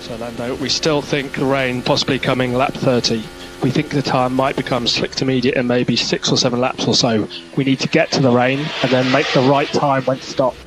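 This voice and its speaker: A man working as a race engineer gives clipped instructions over team radio, repeating the key calls. His mid-range voice is level and moderately paced, with music in the background, and the transmission is noisy.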